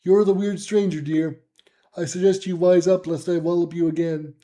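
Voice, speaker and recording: A man's voice: high-pitched, little pitch movement, moderate pace, mellow, close to an everyday voice. A man voicing a fussy, patronizing older village nanny woman. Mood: scolding.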